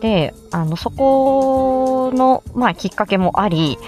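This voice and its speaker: Her voice sits high and animated, yet she takes things slowly, with a darkish tone and faint music in the background. This woman, a speech therapist and amateur voice actor, hosts a casual livestream teaching how to make voice samples, chatting, explaining, and greeting listeners by name.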